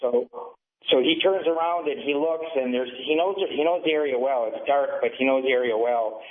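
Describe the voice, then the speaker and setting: A man from Michigan calling into a radio show, telling a story in a halting way with many restarts over a tinny phone line. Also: mid-range voice. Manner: halting, restarts mid-sentence. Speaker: caller. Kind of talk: casual call-in storytelling. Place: empty conference room. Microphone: smartphone speakerphone. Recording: tinny distant speakerphone call.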